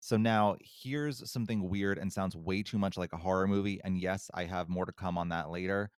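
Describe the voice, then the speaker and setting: A man's voice: low voice, fairly even intonation, normal speed, clean tone, no room sound. A man casually retelling a spooky true story as a podcast co-host, with wry, sarcastic asides.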